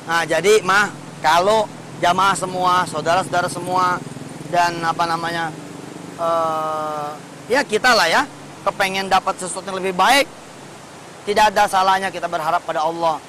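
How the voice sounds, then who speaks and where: A male preacher gives a lively, colloquial sermon and keeps asking the congregation questions. His voice sits high for a man. A faint hiss runs under the recording. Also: normal speed, poor audio. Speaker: Islamic preacher.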